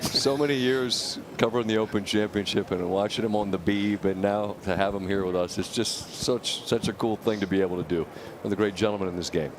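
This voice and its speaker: A man doing live golf play-by-play commentary in a smooth, measured broadcaster style. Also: fairly low pitch. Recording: broadcast with steady background noise.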